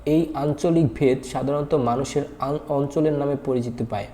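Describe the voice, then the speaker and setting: A male teacher works through a grammar lesson at the whiteboard, patient and repetitive, posing questions and answering them himself with lots of hesitation fillers. His mid-range voice is mellow and steady, at a normal speed.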